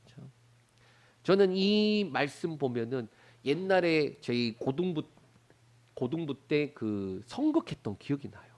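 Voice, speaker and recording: A middle-aged pastor from Daegu with a Gyeongsang accent, preaching a Wednesday sermon, asking the congregation rhetorical questions and acting out voices. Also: male voice, on the high side, animated, measured pace, darkish tone. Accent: Gyeongsang Korean. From Daegu, South Korea. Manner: acts out Bible characters' lines in exaggerated voices. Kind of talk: Wednesday prayer service sermon.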